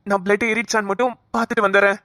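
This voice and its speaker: Woman voicing a calm young doctor. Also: medium pitch, racing, no echo, clean studio sound. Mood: reassuring. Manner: soothing, explaining patiently.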